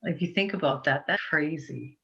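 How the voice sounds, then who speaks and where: A woman's voice: low voice, moderate pace, gravelly, sharp tone. A woman from Eastern Europe giving an informal, chatty talk as a guest herbalist, often restarting her sentences. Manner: chatty, digressive, many restarts. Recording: muffled online call audio.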